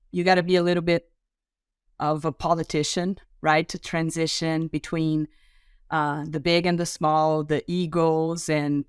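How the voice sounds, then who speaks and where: A middle-aged Brazilian woman with a Brazilian Portuguese accent, a podcast guest talking in a relaxed, thoughtful way with many ums. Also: lowish voice, smooth, no room sound, studio quality. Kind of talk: podcast interview.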